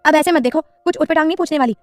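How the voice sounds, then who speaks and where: A woman's voice: sits high, very fast, no echo, soft background music, pitched above the performer's own voice, lightly acted. A woman voicing a playful, lovestruck young woman in a romance story, speaking sweetly and teasingly.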